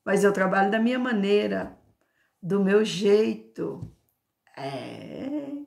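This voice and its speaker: An older Brazilian grandmother, a home preacher and YouTuber with a Brazilian Portuguese accent, delivers an informal devotional sermon to her camera. She's fervent, drawing out repeated words for emphasis and crying out praise. Her mid-range voice is animated and creaky with a darkish tone.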